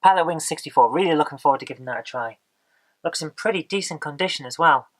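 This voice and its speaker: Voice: mid-range voice, fast talker, a bit bright, no echo. An exhausted vlogger, chatting casually and rambling as they search for words. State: exhausted, low on energy. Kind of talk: casual vlog chat.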